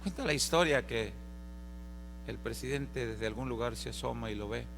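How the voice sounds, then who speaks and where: A man preaching a sermon, swinging dramatically from loud preaching to hushed storytelling. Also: medium pitch, moderate pace, gravelly. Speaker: pastor. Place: church service. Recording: reverberant church PA recording with hum.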